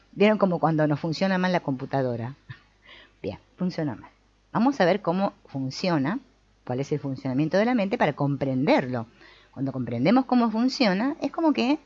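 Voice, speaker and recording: A woman giving an expressive spiritual teaching talk, often checking in with her listeners. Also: sits low, dry recording, dull audio. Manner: expressive, asks listeners for agreement, laughs between points.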